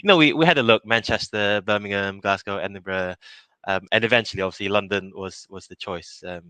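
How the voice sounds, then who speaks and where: A man's voice: fairly low pitch, brisk, sharp tone, smooth, dry recording. A man from Malaysia in his thirties, answering interview questions casually, with many fillers, restarts and easy laughs. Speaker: innovation project lead.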